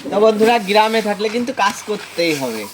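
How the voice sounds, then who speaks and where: Higher-pitched young man explaining to viewers. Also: sing-song, quick pace, a little hiss or hum. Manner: simple teacherly talk, asks viewers questions then answers. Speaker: village vlogger. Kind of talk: casual explainer vlog to viewers. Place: outdoors in a village farmyard.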